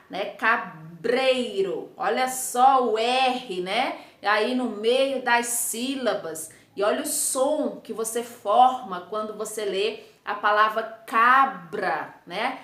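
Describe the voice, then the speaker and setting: A Brazilian woman teacher giving a recorded phonics lesson to young pupils, slowly sounding out syllables and checking in with frequent tag questions. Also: on the high side, fairly bright tone. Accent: Brazilian Portuguese. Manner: slow, patient, spelling sounds out with many tag questions. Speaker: primary school teacher. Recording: echoey room recording.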